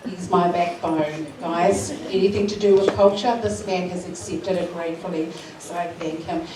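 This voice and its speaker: Addressing a school assembly in a school hall, a New Zealand woman who organised the school's culture week gives emotional thanks, using frequent fillers. Her voice is fairly low and steady at normal speed, captured far from the mic in an echoey hall with ambient noise around her.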